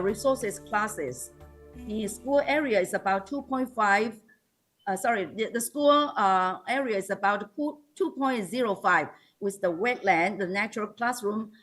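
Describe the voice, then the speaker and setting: Her medium-pitched voice has a slightly bright quality as she, a school principal with a Taiwanese accent, walks through a formal slide presentation. She stumbles frequently, stopping to correct herself.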